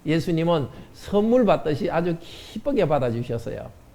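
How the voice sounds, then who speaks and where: 아이들에게 묻고 답하는 남자 목사. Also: male voice, fairly high pitch, sing-song, normal speed, creaky, mellow. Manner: asks children questions and answers them. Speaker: pastor. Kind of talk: children's sermon. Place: church sanctuary.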